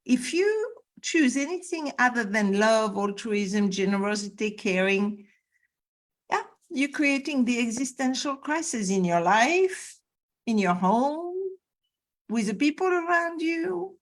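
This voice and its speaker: Woman teacher, fairly high voice, earnest and emphatic, video call. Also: animated, slow. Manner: earnest, emphatic, repeats words for stress. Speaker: spiritual teacher. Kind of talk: conversational interview on a call.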